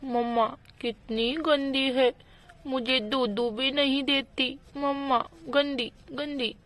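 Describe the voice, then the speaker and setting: A woman's voice: high-pitched, fairly even intonation, slow pace, fairly bright tone. A woman voicing a hungry toddler boy in a doll storybook, babbling single words in baby talk. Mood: sulking.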